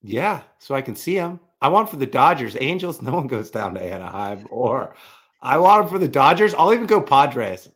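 A man's voice: mid-range voice, sing-song, moderate pace, hardly any pauses, fairly bright tone, slightly rough. A man co-hosting a podcast, joking and trading sports takes casually. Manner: joking, teasing banter. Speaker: podcast co-host.

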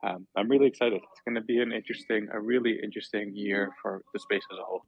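Low-voiced man musing over dry lo-fi audio. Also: steady tone, quick pace, husky, no echo. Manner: hedging, reflective speech with many fillers. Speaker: guest. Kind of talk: casual chat.

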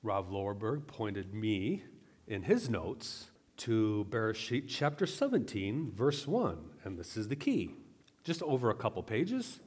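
A man giving a sermon-style Bible teaching, speaking conversationally with asides, slowing to stress key words. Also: fairly low pitch, big pitch swings, darkish tone, husky. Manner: conversational, with asides and filler "right?". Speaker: teacher of a weekly Torah portion.

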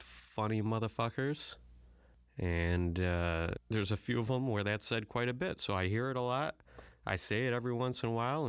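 A man's voice: lowish voice, smooth, no echo, studio quality. A man hosting a solo podcast, rambling and joking with lots of swearing. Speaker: podcast host. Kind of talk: casual solo podcast monologue.

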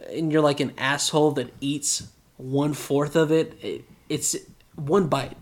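A man's voice: on the high side, measured pace. Casual man recapping an anime episode. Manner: animated, joking asides. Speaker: podcast co-host.

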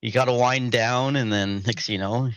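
A man talks about his DJ work in a relaxed, unhurried way. His answers are short and easygoing, and his voice sits in an ordinary middle register. The recording is dry. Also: medium pitch, clean tone, dry recording, muffled recording. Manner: laid-back, brief answers, laughs often. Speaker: DJ guest. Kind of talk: casual chat.

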